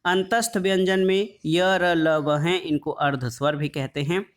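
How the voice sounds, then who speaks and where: A man teaching an exam-prep lesson on Hindi phonetics, reading quiz questions and then explaining the answers, drawing out letter sounds slowly as he lists them. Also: high-pitched. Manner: draws out sounds slowly when listing letters; calls the audience "friends".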